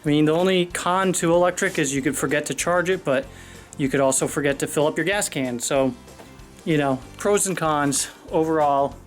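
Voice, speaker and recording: A man's voice: on the high side, normal speed, faint music behind. Chatty man reviewing mowers, breathless. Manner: rambling and chatty, with many fillers. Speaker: lawn care video host. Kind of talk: casual product review. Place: outdoors on a lawn.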